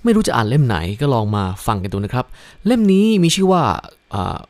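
A man's voice: mid-range voice, very animated, brisk, a little mellow, dry recording. A man hosting a casual book review podcast, speaking politely and ending phrases with a courteous particle, and spelling out English words letter by letter. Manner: polite, fills sentences with ครับ. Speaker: podcast host.

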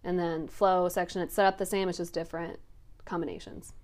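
A woman's voice: on the low side, level tone, fairly quick, darkish tone. A woman hosting a fitness podcast, casually explaining a workout class format step by step and often checking in with her guest. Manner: explains step by step, often asks "you know what I mean". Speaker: podcast host and fitness instructor.

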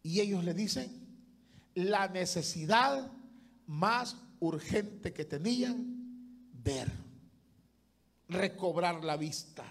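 A man preaching a sermon as pastor, impassioned, swinging between loud calls and hushed asides. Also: high-pitched, expressive, drawn-out words, long pauses.

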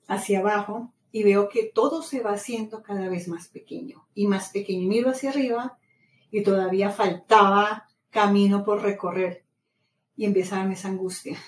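A middle-aged woman, a podcast host from Latin America, talks casually and with lots of feeling, repeats herself often and keeps telling stories. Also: mid-range voice. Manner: animated storytelling, many repetitions. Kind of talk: casual motivational monologue. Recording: roomy echo, mic set far off, faint ambient noise.

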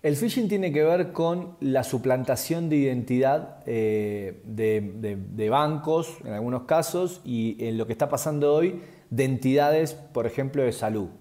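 Interview guest: man, security expert, mellow dark voice, measured explainer. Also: medium pitch. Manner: measured, explanatory, frequent fillers and restarts.

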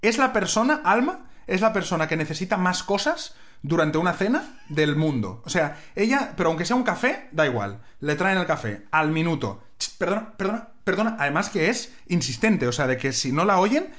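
A man's voice: on the high side, normal speed. Chatty man co-hosting a podcast from home. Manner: animated storytelling with mimicry. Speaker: podcast co-host. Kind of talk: casual chat.

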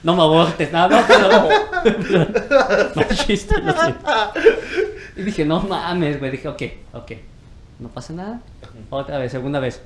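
A man's voice: a little high, sing-song, unhurried, reverberant, crowd noise. A young man with a Mexican accent, telling a crude story in casual chat, full of slang and laughing as he goes. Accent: Mexican Spanish.

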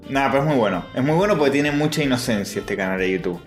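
A man in his thirties with an Argentine Rioplatense accent, chatting casually and excitedly recommending something on a podcast. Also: mid-range voice, fast talker, roomy sound, faint music behind. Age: 30s. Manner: loose, joking, enthusiastic recommending. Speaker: podcast co-host. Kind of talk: casual chat.

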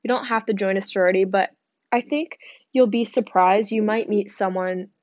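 A woman's voice: medium pitch, fairly even intonation, moderate pace, no room sound. A young woman hosting a podcast who gives frank, chatty advice full of fillers and sounds tired. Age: young adult. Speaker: podcast host. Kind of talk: casual advice monologue. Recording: dry, slightly dull sound.

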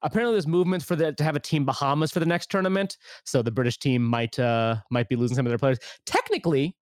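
A man hosts a casual podcast, chatting loosely with plenty of fillers and restarts. His voice is on the high side and fast, recorded at studio quality with no echo.

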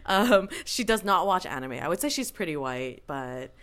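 A woman's voice: lowish voice, moderate pace. A woman hosting a podcast, chatting casually with guests and laughing often. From Canada. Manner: chatty, laughing, animated questions. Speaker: podcast host.

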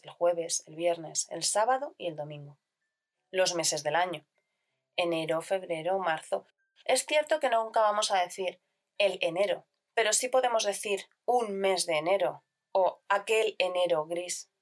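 Calm and measured, a female Spanish teacher works through a scripted grammar lesson in a medium-pitched voice. She lays out her points clearly and lists examples.

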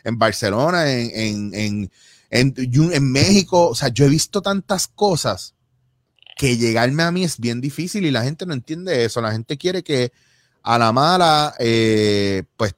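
A man's voice: mid-range voice, lively intonation, unhurried, no echo, studio quality. A man with a Puerto Rican accent, a guest on a casual podcast, talking bluntly and with feeling and swearing freely. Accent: Puerto Rican Spanish.

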